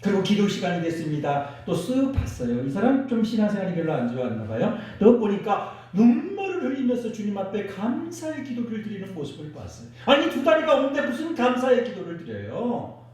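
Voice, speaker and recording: A man preaching a sermon as pastor, animated and leading the congregation in responses. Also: high voice, a little fast, far from the mic. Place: church sanctuary. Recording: echoey church hall, mic from afar.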